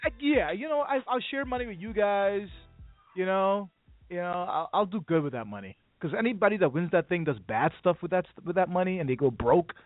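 A man's voice: sits high, expressive, brisk, dry recording. A man hosting a casual sports talk show, telling a rambling story and acting out the dialogue. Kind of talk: casual radio chat. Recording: phone-like audio with faint music.

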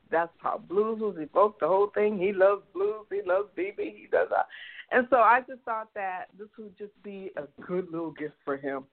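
A woman tells a personal story with lively energy, slipping into the voices of her family as she goes. Her voice sits at a middle pitch. The sound comes through a thin, tinny phone line. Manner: animated, acts out family quotes. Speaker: guest researcher.

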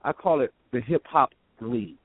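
A man's voice: medium pitch, normal speed, dry recording. A man, an actor calling in as a guest, talking in an easygoing way, his phone line cutting out and fading back in through static. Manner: easygoing, says "man" often. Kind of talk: casual phone interview. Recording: tinny, dry phone line.

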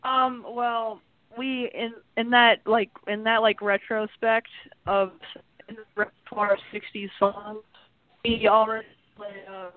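A man's voice: high-pitched, level tone, measured pace, dry recording. Caller, male, crackly cell phone line that fades in and out, hesitant and casual, tinny and dry. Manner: hesitant, many fillers. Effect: crackly cell phone line fading in and out. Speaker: band singer calling in.

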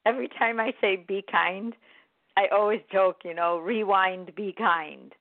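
A woman giving a gentle, encouraging and reflective motivational self-help talk. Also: medium pitch, measured pace, dry recording. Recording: dry, tinny phone-like sound.

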